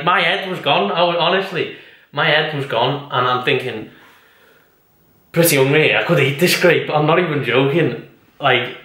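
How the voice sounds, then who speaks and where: Speaking in a bright, forceful tone at medium pitch, this young vlogger chats casually and at length from indoors at home. He rambles, drifts into tangents and runs himself down, and the room sounds echoey.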